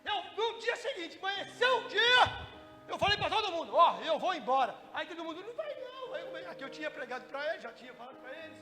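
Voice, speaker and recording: A male pastor with a Brazilian Portuguese accent giving an animated testimony sermon in a church, acting out the voices of the people in his story. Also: very high-pitched, fast talker, big-room sound, over music. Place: church hall.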